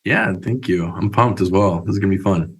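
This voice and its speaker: A man in his late twenties, born in Colombia and raised in Nebraska, talks as an interview guest. His voice sits fairly low. His chat is upbeat and eager, full of quick restarts. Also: creaky, husky. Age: late 20s.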